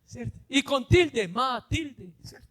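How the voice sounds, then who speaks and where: High-pitched man preaching a fiery sermon. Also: lively intonation, slow pace. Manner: preaching with rhetorical questions to the congregation, often shouting. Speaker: pastor.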